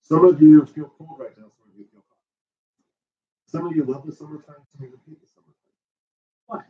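A middle-aged man from the Bahamas teaching an herbalism class indoors, animated and gesturing a lot while he paces, recorded by a camera at a distance. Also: a little high, a little fast, breathy edge, muffled recording. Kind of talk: lecture to a class. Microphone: far camera on the floor.

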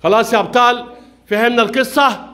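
High-voiced teacher quizzing kids. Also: male voice, steady tone, fast talker. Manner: patient, quizzing, praising and gently scolding. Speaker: primary school teacher. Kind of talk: classroom questioning of young pupils. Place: classroom.

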